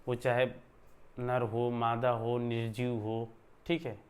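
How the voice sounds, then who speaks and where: A man's voice: medium pitch, completely flat delivery, slow pace. A man teaching a grammar lesson in a conversational way, often checking in with his listeners and stressing words to show emphasis. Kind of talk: explanatory online lesson.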